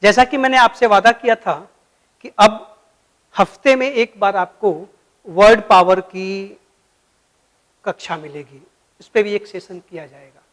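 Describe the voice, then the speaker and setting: A man's voice: sits high, a bit bright, rough recording. A man giving an explanatory video lesson as a vocabulary teacher, patient and friendly, spelling out words letter by letter for his viewers.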